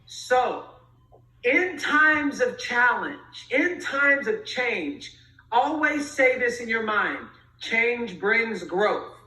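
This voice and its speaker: A woman's voice: fairly high pitch, big pitch swings, slow pace, sharp tone, reverberant, far from the mic, rough recording. A woman talking as an interview guest, giving an earnest, emphatic motivational talk that repeats phrases for weight. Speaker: guest speaker.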